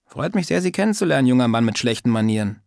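A man's voice: mid-range voice, sing-song, fast talker, gravelly, a little mellow, dry recording, studio quality. A man reading an audiobook, voicing an old, talkative, insistent female neighbor in a raised, mock-polite voice. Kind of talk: audiobook character voice.

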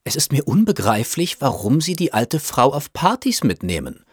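A man's voice: medium pitch, sing-song, moderate pace, slightly rough, dry recording, studio quality. A man voicing a snobbish, self-absorbed upper-class mother who chatters in a gushing, fussy way. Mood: disdainful.

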